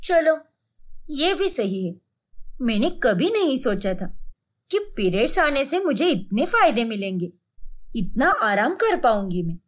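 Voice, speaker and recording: A woman's voice: on the high side, big pitch swings, measured pace. A woman voicing a sly, complaining young daughter-in-law in a cartoon story. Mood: grumbling. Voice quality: whiny, sarcastic.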